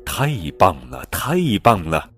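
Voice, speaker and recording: A man voicing an eager, chatty tiger who exclaims with excitement. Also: deep voice, measured pace, soft background music, heavily acted.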